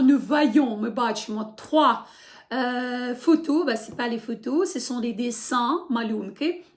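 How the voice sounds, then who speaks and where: A young woman teaching an online language lesson, explaining word by word and modelling phrases slowly and brightly. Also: high-pitched. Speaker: French teacher.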